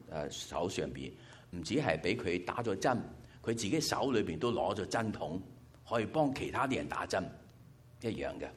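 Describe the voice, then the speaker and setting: A male preacher delivering a sermon with a very deep voice. His pitch rises and falls with lively emphasis. He explains his points patiently, one step at a time, as he talks to his church gathering. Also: a little hiss or hum. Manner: explanatory, working through numbers step by step.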